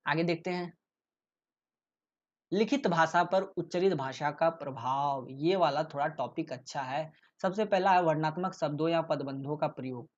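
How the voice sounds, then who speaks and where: A man's voice: fairly high pitch, moderate pace, dull audio. A man giving a casual exam-prep lecture, explaining with rhetorical questions and frequent check-ins. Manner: explains with rhetorical questions, often adds "ठीक है". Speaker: tutor explaining exam topics.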